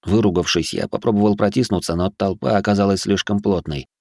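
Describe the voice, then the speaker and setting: Low-voiced man reading a tense audiobook. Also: steady tone, a little fast, a little mellow, dry recording. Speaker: first-person narrator. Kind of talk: scripted audiobook narration.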